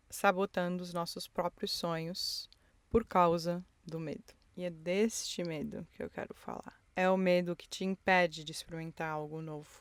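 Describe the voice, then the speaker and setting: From inside her car, a woman hosts an intimate solo podcast, speaking straight to her listeners in a reflective, encouraging way. Her voice is fairly low, clear and resonant, on a dry recording.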